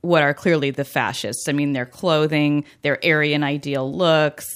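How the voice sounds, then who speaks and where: A woman's voice: deep voice, steady tone, normal speed, clear, resonant tone. A woman co-hosting a show, talking in a casual, analytical, conversational way. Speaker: co-host.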